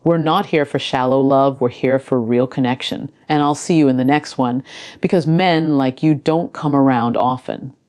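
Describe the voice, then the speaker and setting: Very low-voiced woman giving a motivational speech. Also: normal speed, a little mellow, dry recording. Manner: earnest, intimate tone addressed to men. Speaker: motivational speaker.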